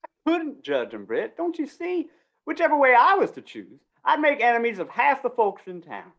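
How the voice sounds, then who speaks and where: In a 1950s-style Western radio play, a woman voices a flustered small-town male undertaker who stammers and pleads in rustic grammar. Her voice is fairly high with huge pitch swings at a moderate pace, fully in character.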